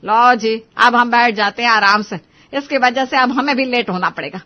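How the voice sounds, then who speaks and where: A woman voicing a quick-tempered older mother-in-law in a cartoon story, sharp and scolding. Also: mid-range voice, animated, lo-fi sound, close to an everyday voice. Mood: grumbling.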